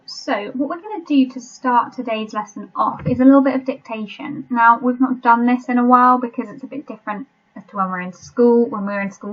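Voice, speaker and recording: A woman with an English accent, a French teacher narrating a recorded remote lesson and reading dictation slowly and deliberately. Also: medium pitch, highs cut off. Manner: slow, deliberate dictation with clear repetition.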